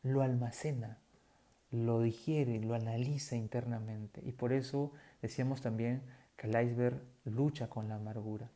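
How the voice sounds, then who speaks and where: A man's voice: mid-range voice, moderate pace. A man preaching a sermon, speaking to his listeners as brothers and sisters and acting out small everyday scenes as he goes. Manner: animated, acts out little scenes, addresses listeners as brethren.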